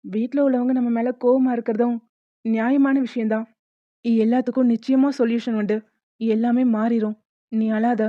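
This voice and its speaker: A woman voicing a gentle young husband in a cartoon, soothing and patient. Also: on the high side, flat delivery, normal speed, no room sound, highs cut off, lightly acted. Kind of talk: cartoon voice acting.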